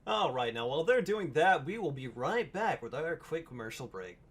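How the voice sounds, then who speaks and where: A man hosting an improv comedy game show, explaining rules quickly with fillers. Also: a little high, big pitch swings, breathy edge.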